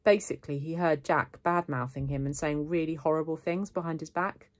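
Low-voiced English teacher reading aloud. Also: female voice, brisk. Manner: first-person storytelling, steady and lively. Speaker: primary school teacher. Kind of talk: reading a novel aloud to a class.

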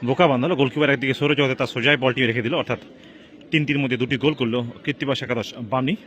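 A man giving live, excited play-by-play football commentary at an outdoor match. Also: medium pitch, racing. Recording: crowd and outdoor noise behind. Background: outdoor crowd at a local football match.

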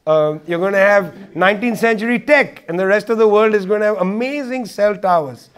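High-pitched, emphatic male guest. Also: brisk, clear, resonant tone. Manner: emphatic, repeats key points; wry, sarcastic asides. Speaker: interview guest. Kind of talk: political discussion.

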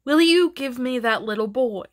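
A woman voicing a calm, tempting rainbow in a storybook read-aloud. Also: sits high, moderate pace.

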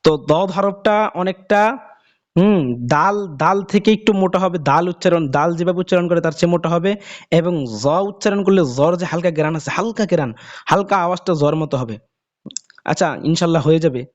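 Man drawling letter names, dull lo-fi sound. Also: sits high. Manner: explains letters and drawls each letter name slowly again and again. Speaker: Quran reading teacher. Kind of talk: casual spoken lesson.

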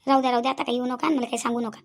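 A woman's voice: on the high side, little pitch movement, racing. A woman voicing an angry young woman with a Vidarbha Marathi accent, accusing her fiancé and repeating her questions. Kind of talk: cartoon voice acting.

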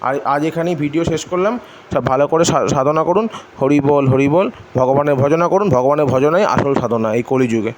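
A man from Bengal giving a devotional lesson at an unhurried pace, asking his own questions and answering them, with mantras chanted in between. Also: on the high side. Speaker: religious teacher. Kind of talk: devotional instruction video. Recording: faint background noise.

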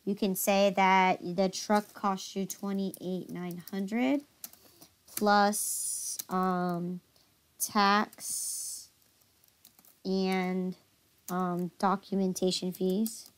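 A woman's voice: medium pitch, flat delivery, drawn-out words, smooth. Patient woman tutoring accounting. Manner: patient, checks each step and prompts questions. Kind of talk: casual one-on-one tutoring.

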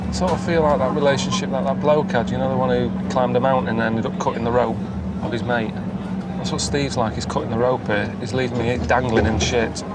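A man who grumbles in a deadpan way about his travels. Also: medium pitch, a little fast, heavy background noise. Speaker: traveller on a documentary show. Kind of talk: grumbling to camera.

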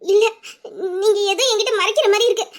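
A woman's voice: extremely high pitch, steady tone, fast. A woman voicing a frantic young woman who pleads through tears to be taken to the man she loves. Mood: tearful insistence. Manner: pleading, insistent, near tears. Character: young woman, frantic and tearful, desperate to see her love. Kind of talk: Tamil audio drama acting.

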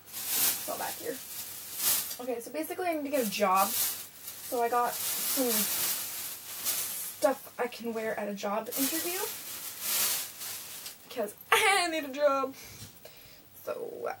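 A woman's voice: high voice, lively intonation, takes it slowly, long pauses. A young woman from Canada talking casually in a haul video, chatty and rambling with lots of fillers, in a small bedroom. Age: young adult. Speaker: vlogger. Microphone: webcam at desk distance. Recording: webcam mic from a distance, faint hiss.

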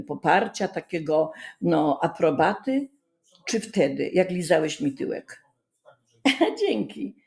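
A woman's voice: fairly low pitch, gravelly, a little mellow. A woman ranting indignantly on her livestream from bed at home, scolding someone with emphatic repetition. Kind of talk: casual livestream rant.

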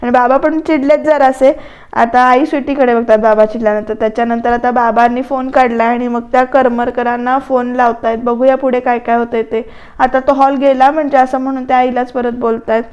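A woman's voice: fairly high pitch, little pitch movement, a little fast, darkish tone, dull audio. A woman narrating a voice-over recap of a television serial, retelling scenes conversationally with asides to viewers.

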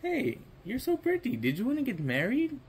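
A puppeteer voicing an eager, childish man of forty-three, a chef puppet who gets giddy and over-excited, in a puppet comedy sketch. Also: mid-range voice, normal speed, husky, full character voice.

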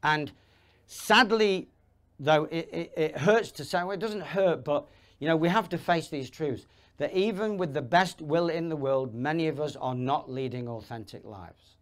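A man giving a live seminar talk, emphatic and rambling, with restarts and asides, swinging between loud bursts and low asides. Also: moderate pace. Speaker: seminar speaker. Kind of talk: live motivational talk to an audience.

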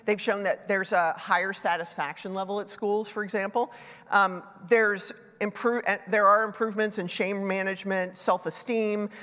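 Her mid-range, fairly bright voice has fairly even intonation and normal speed as this middle-aged conference speaker talks conversationally through a headset mic. She's a little congested from a sinus infection, adds self-deprecating asides, and the large, dark stage hall is reverberant.

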